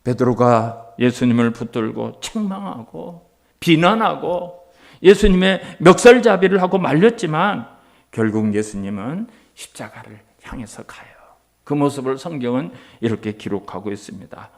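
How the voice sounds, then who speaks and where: A male pastor preaching a sermon, acting out quoted voices and swinging from hushed passages to loud, emphatic ones. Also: mid-range voice, expressive, normal speed, gravelly.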